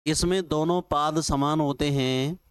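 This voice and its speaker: A male Sanskrit teacher, giving a classroom lecture and dictating notes slowly, repeating each phrase with homely examples. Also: on the high side, steady tone, smooth, no room sound, studio quality. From Rajasthan, India. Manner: slow, repetitive dictation with folksy examples.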